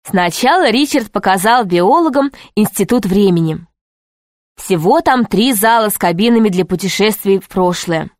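A woman narrating a children's adventure story in an even, steady storytelling voice. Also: medium pitch, moderate pace, dry recording, studio quality. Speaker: audiobook narrator. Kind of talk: scripted narration.

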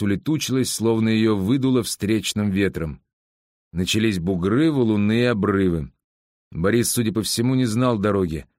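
A man narrating an adventure audiobook in a steady, even storytelling manner. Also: medium pitch, no room sound, clean studio sound.

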